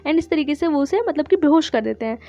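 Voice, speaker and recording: A woman with a high, bright voice retells a drama's story in a casual, chatty way. She briefly quotes the characters' lines and leans on filler words as she goes. The recording is dull and lo-fi. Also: expressive, quick pace, no room sound. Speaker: channel host retelling a drama.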